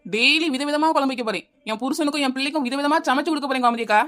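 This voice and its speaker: Chinnaponnu, a chattering high-voiced housewife. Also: female voice, rapid-fire, fairly bright tone, faint music behind. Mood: wheedling. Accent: Kanyakumari Tamil. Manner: chattering, wheedling, repeats the neighbour's name. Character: scatterbrained housewife Chinnaponnu, adult woman. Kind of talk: cartoon comedy dialogue.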